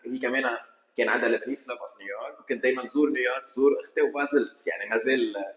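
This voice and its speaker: Guest: middle-aged man, Lebanese accent, mid-pitched, rapid and detailed, roomy mic sound. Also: a bit bright. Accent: Lebanese Arabic. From Lebanon, Kesrouan. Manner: fast, detailed, eager explaining. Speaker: podcast guest, engineer. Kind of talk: casual interview conversation. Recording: roomy studio echo.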